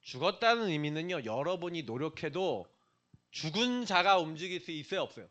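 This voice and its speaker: Male pastor, middle-aged, youth sermon, high voice, swooping lively pitch, chatty, quizzes the listeners. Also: a little fast, highs cut off. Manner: conversational, questions the listeners directly. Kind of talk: sermon to young people. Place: church.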